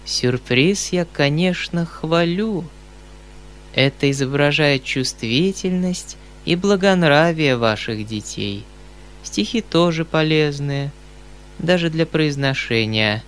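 A man's voice: on the high side, slight background noise. A man voicing a pious, sanctimonious middle-aged man who speaks in a weak, forgiving voice, as in an audiobook reading.

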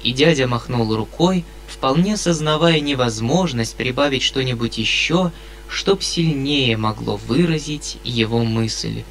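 Expressive male audiobook narrator. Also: medium pitch, a little slow, a little hiss or hum. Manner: expressive reading of a classic novel. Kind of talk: scripted narration.

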